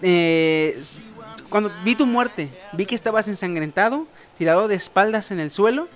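A man with a Mexican accent hosting a casual chat, relaxed and swearing often. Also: sits high, moderate pace. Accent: Mexican Spanish. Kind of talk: casual chat among friends.

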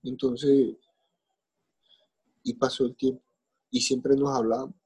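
Dark husky Colombian man telling his story. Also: mid-range voice, level tone, slow pace. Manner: emotional, plainspoken, coarse slang, circling back with repeated phrases. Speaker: interview guest. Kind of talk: personal life story in casual conversation.

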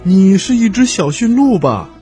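A man's voice: sits high, sing-song, normal speed, mellow, faint music behind, pitched above the performer's own voice. A man voicing a small, friendly boy polar bear cub in a children's story, speaking eagerly and kindly. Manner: eager, kind and encouraging.

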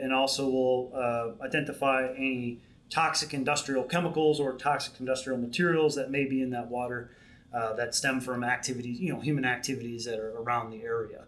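Man, middle-aged, measured, restarts often, interview guest. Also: mid-range voice, a bit bright. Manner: measured, explanatory, many restarts and fillers. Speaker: Marine Corps program manager, guest. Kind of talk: podcast interview.

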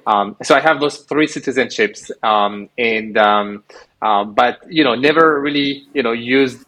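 A man's voice: medium pitch, measured pace, sharp tone, low-quality recording. A man in his thirties from France, a podcast guest telling his story in a hesitant, casual way, full of restarts. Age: 30s. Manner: hesitant, many restarts and fillers. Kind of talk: casual interview conversation. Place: remote call from an island home.

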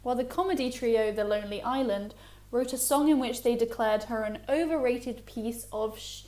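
A woman's voice: a little high, moderate pace, warm tone. A young woman co-hosting a podcast, chatting in a wry, easygoing way. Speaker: podcast co-host. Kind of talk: casual chat. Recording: echoey room with faint music.

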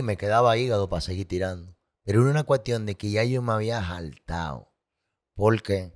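A man telling his personal story as a guest, candid and emotional, with vivid sound effects and repetition. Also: lowish voice.

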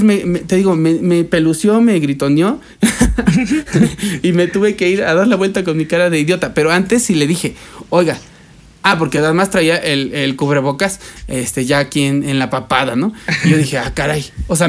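A man with a Mexican Spanish accent co-hosting a casual podcast chat, telling stories and acting out quotes in exaggerated voices. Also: moderate pace. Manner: animated storyteller, acts out quotes in high voices. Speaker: podcast co-host.

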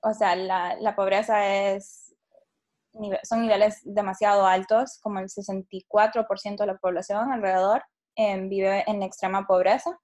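A woman's voice: medium pitch, fairly even intonation, normal speed, a little mellow. Woman from honduras, late 20s, interview guest, thoughtful, lots of fillers. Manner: reflective, many fillers and restarts, occasional laughs. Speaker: guest, startup CEO. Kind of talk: casual interview answers.

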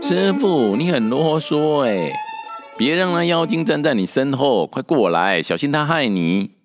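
A man putting on a brash monkey king with a pitched-up, cocky, dismissive voice, ringing with a long reverb over faint music in a storybook telling. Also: sing-song, a little slow. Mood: impatient. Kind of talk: storybook character voice.

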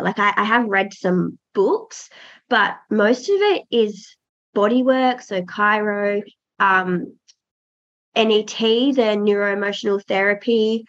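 A pregnant woman in her thirties, a podcast guest talking casually, earnest and reflective with many restarts. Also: mid-range voice. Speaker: podcast guest, birth doula. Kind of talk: casual interview chat. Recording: dull lo-fi audio.

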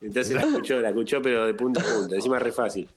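A man with a Rioplatense Spanish accent, deadpan, telling a personal story in a casual comedic chat. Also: medium pitch, fast talker. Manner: deadpan, peppered with "viste".

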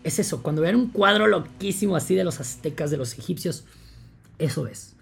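A young man with a Mexican accent, talking casually to his podcast listeners in an excited, rambling way with lots of fillers. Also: a little high, brisk, creaky, soft background music. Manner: enthusiastic, rambling, many fillers like "entonces" and "o sea". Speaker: podcast host.

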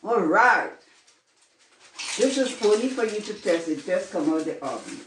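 A woman's voice: medium pitch, lively intonation, unhurried. A woman with a Trinidadian accent chats casually and teasingly in a home kitchen while she serves her baking. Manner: teasing, laughing dialect speech. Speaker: home baker and guest. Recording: roomy, distant, noisy room.

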